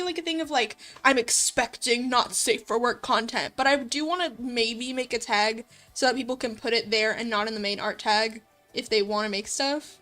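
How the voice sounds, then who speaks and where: Over background music, a woman streams herself coding a visual novel and responding to viewer comments. She speaks in a high, pushed, bright voice, rambling informally, giggling, sounding self-conscious and muttering to herself while working.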